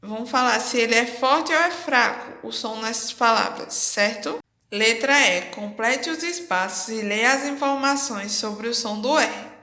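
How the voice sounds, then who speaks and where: A woman's voice: on the high side, a little slow, bright, forceful tone, reverberant. A woman teacher walking pupils through a workbook activity, repeating each instruction patiently. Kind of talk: classroom lesson walkthrough.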